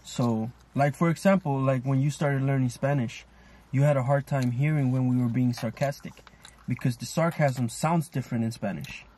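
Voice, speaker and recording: In a casual chat while eating, a man co-hosting a food vlog rambles on thoughtfully, leaning heavily on filler words. His mellow, mid-range voice moves at normal speed with hardly any pauses.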